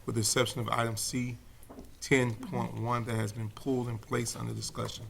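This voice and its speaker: A man chairs a board meeting, reading out motions in a flat, procedural way. His voice is gravelly and carries little pitch movement. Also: a little fast, a little hiss or hum. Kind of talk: running a formal meeting.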